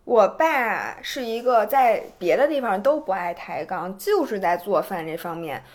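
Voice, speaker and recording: A young woman chats on a podcast in a mid-range voice. Her pitch moves a lot. She tells family stories with wry, teasing humor. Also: expressive, a little slow. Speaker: podcast co-host. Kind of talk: casual chat.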